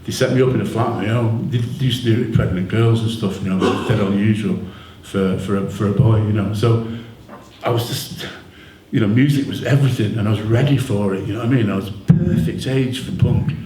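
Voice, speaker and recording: Being interviewed at his book launch, a middle-aged author and musician from Manchester, England, shares candid, rambling personal stories with an audience in a low, mellow voice at normal speed. His colloquial talk is peppered with "you know", and the roomy live hall, where he sits on stage, adds background noise.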